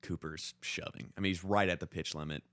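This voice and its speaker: This young American man speaks a little fast in a low-pitched voice with a steady, fairly bright tone, and there's no echo. As a podcast co-host, he tells sports stories in relaxed, slangy language sprinkled heavily with "like."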